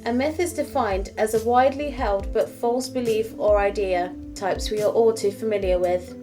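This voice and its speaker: A woman gives a scripted documentary voice-over. Her delivery is measured and formal, with a mid-range pitch. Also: mellow, soft background music. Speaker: documentary narrator.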